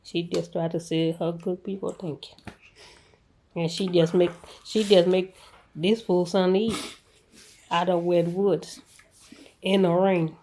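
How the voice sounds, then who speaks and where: A woman's voice: on the low side, level tone, takes it slowly, pauses often, dark tone, a little hiss or hum. A woman hosting a casual food video, chatting playfully to viewers and often repeating herself. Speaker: mukbang host and cook.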